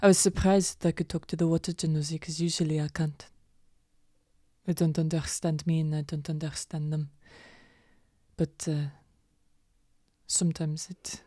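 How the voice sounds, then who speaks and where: A woman playing a smug, haughty elemental being in a tabletop game, deadpan and self-satisfied. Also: sits low, measured pace, long pauses, no echo, clean studio sound. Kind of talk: tabletop role-play in character.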